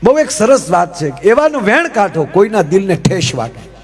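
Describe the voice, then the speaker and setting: A man's voice: high voice, normal speed. A man with a Kathiawadi Gujarati accent, telling humorous and devotional stories on stage and keeping the audience involved. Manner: animated, keeps calling out to the audience. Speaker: folk storyteller on stage.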